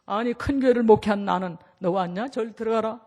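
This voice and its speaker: A man's voice: sits high, brisk, a little mellow. A man playing a proud big-church pastor in a joke, protesting with an aggrieved tone. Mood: indignant.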